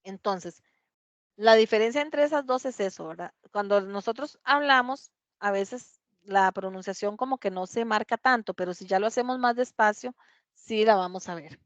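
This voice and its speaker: A woman teaching a class, explaining patiently, sounding out words slowly and clearly, and often checking that her students follow. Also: medium pitch, no room sound. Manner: often checks understanding with tag questions. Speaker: English teacher. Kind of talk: classroom lesson.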